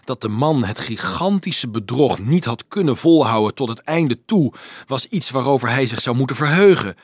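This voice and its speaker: A man reading a novel aloud in calm, measured storytelling. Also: medium pitch, husky, no echo, clean studio sound. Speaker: audiobook narrator. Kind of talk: scripted narration.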